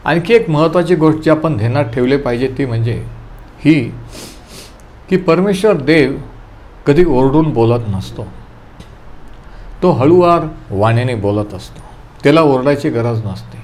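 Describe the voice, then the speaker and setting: A man leading a Bible study, teaching calmly and telling listeners to underline verses, with English terms mixed in. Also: medium pitch, measured pace, pauses often. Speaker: preacher.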